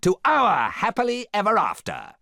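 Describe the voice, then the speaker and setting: A man's voice: sits high, wildly swooping pitch, a little slow, vocal fry, bright, forceful tone, no room sound, studio quality, pitched above the performer's own voice, heavily acted. A man voicing a vain, gloating villain prince in a storybook, declaiming imperiously and theatrically. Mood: triumphant.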